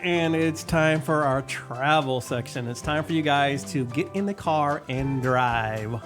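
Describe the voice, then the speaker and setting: A man's voice: a little high, measured pace, music in the background. A man with a Texan accent hosting a casual radio chat, rambling and laughing often. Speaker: radio show host.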